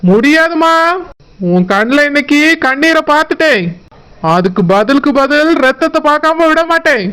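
A woman's voice: sits high, expressive, moderate pace, a bit bright, rough recording. A woman voicing an angry, protective elder brother in a village cartoon, with a Tirunelveli Tamil accent. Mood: furious. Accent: southern Tamil Nadu (Tirunelveli). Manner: threatening, scolding, then remorseful. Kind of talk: cartoon voice acting.

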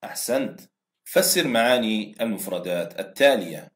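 Low-voiced male teacher drawing out words. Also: expressive, roomy sound. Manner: slow drawn-out modeling of example words for students to repeat; praises imagined student answers. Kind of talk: recorded Quran recitation lesson.

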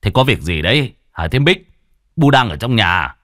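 A man's voice: fairly low pitch, sing-song, normal speed, a bit bright, no room sound, clean studio sound. A man voicing a stern middle-aged farmer father who questions sharply.

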